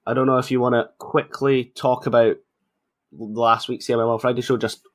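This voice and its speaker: A man's voice: mid-range voice, little pitch movement, brisk. A man hosting a wrestling podcast, chatting in a conversational, analytical way. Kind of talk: casual wrestling commentary chat.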